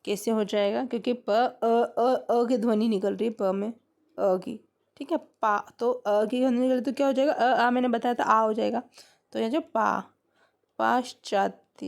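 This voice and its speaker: A woman's voice: a little high, gravelly, darkish tone. A woman teaching a grammar lesson, explaining step by step and repeating questions back to her students.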